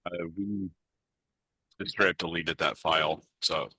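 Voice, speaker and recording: A man in a casual technical chat on a video call, his audio tinny and mechanical from a low sample rate, talking haltingly with fillers and restarts. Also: fairly even intonation, sharp tone, husky, no echo. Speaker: meeting participant.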